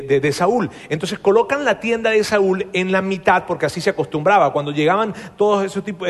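A man preaching a storytelling sermon, lively and colloquial, with many restarts and asides to the listeners. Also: on the high side, long reverb tail.

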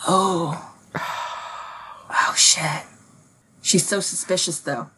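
A woman co-hosting a casual podcast, blunt and quick with profane asides. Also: fairly low pitch, fairly even intonation, bright, forceful tone, a little hiss or hum. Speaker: podcast co-host. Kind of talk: casual chat.

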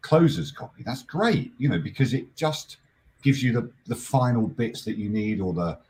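An English man hosting a casual panel chat, energetic and jokey. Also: medium pitch, moderate pace, a little hiss or hum. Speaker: host.

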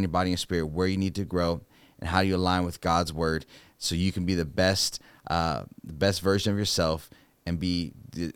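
Deep-voiced earnest male minister. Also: clean tone, dry recording. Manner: earnest, preacherly, peppers with "right?". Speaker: youth minister. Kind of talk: devotional podcast talk.

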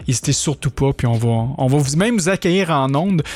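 A man with a Québécois accent hosting a podcast from a studio, talking in a chatty, rambling way with lively jumps in pitch. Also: a little fast. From Quebec. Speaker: podcast host. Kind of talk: casual podcast chat.

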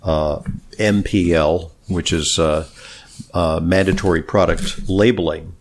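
Slightly hoarse, low-voiced male host. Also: steady tone, slow pace. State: slightly hoarse after screaming at a game. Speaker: podcast and radio host, doctor. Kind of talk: casual talk show chat.

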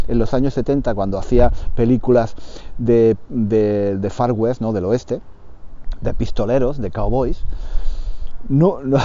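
A man's voice: fairly high pitch, mellow, highs cut off. A man talks casually to learners, repeating his phrases and checking that they understand. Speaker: Spanish teacher for learners. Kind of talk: casual opinion talk for learners.

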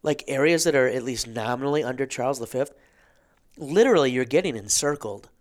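Man, mid-pitched voice, casual history chat, explanatory, joking asides. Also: animated, a little fast.

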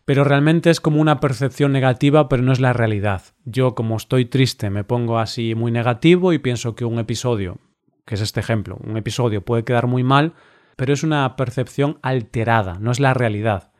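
Slow-spoken man co-hosting. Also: mid-range voice, darkish tone. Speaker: podcast co-host. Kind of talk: casual podcast chat.

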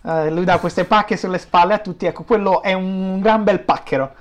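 A man's voice: sits high, normal speed. A man from Naples with a Neapolitan accent, explaining language in an informal interview, teaching through examples. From Naples, Italy.

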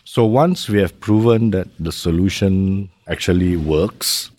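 A middle-aged man from Malaysia, speaking in a measured, conversational way as an interview guest and often tagging his sentences with "right?". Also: deep voice, darkish tone. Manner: measured, uses fillers like "how you say" and "right?". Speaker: guest, maritime safety executive.

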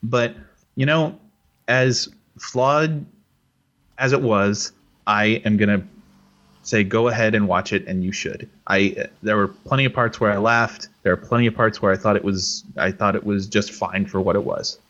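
Low-voiced man, casual podcast chat. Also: steady tone, normal speed, a bit bright, dull audio. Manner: rambling, many restarts and fillers. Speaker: podcast co-host.

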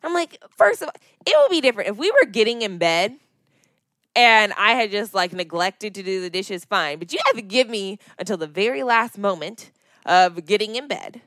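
Animated woman telling a story, dry sound. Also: medium pitch, moderate pace, no echo. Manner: animated storytelling, emphatic and exasperated. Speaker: podcast co-host. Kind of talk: casual chat.

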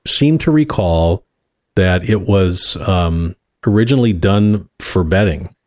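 A man's voice: low-pitched, animated, takes it slowly, no echo, studio quality. A man hosting a podcast in casual conversation. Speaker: podcast host. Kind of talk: casual chat.

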